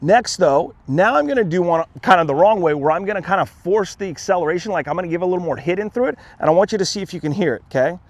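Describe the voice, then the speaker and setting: A man coaching golf putting outdoors on a green, talking in a relaxed way, often checking in with "okay?" and repeating himself as he demonstrates. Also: sits high, quick pace, hardly any pauses, no echo. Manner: relaxed, repeats "okay?" and "again", restarts words. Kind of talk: on-course instruction, demonstrating.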